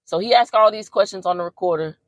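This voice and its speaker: A woman's voice: mid-range voice, quick pace, dry recording. Slangy woman recapping a movie. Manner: slangy, animated storytelling with profanity. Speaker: podcast host.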